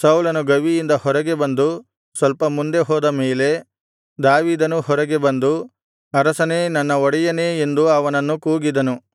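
Male scripture reader, smooth clear voice, very dry close recording. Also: on the high side, no echo. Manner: steady, measured recitation. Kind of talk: scripted Bible reading.

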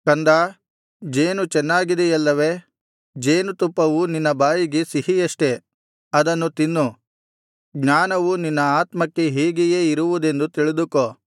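A man giving a measured, solemn scripted reading of scripture. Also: on the high side, fairly even intonation, smooth, no echo, studio quality. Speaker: scripture reader.

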